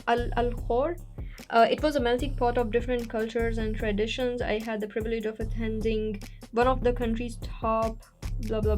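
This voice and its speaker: A woman's voice: on the high side, a little mellow. A woman reviewing application essays on her channel, blunt and direct, often repeating words to stress a point. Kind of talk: on-screen critique walkthrough.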